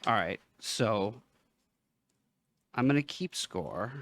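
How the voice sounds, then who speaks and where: Man, podcast co-host, casual chat, playful and jokey, gets loud at times. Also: fairly low pitch, expressive, slow pace. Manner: joking, playful, loud bursts.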